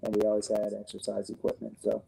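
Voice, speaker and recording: A man from Connecticut telling his story as a podcast guest in a relaxed, rambling way. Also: on the low side, fast, creaky, a little hiss or hum, rough recording. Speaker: guest, business owner. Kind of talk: casual interview chat.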